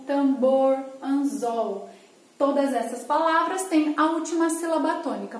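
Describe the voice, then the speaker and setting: High-pitched patient woman teacher, echoey room. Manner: clear, patient, explanatory, frequent "tá?" check-ins. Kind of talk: recorded online lesson for children.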